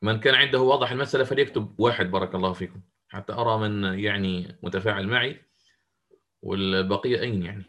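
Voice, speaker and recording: A man's voice: lowish voice, fast, fairly bright tone. A man teaching Quranic recitation in an interactive online lesson. He explains the rules step by step and quizzes his students as he goes.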